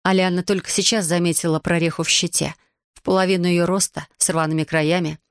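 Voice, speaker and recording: A woman reading a fantasy audiobook in an even storytelling manner. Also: lowish voice, a little fast, clear, resonant tone, dry recording, clean studio sound. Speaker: audiobook narrator. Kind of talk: scripted fantasy audiobook narration.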